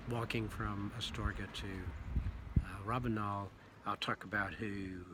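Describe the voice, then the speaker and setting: A man's voice: on the low side, sharp tone, a little hiss or hum. A middle-aged man recording a casual spoken diary of his pilgrimage, talking reflectively with many fillers and restarts. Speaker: pilgrim vlogger.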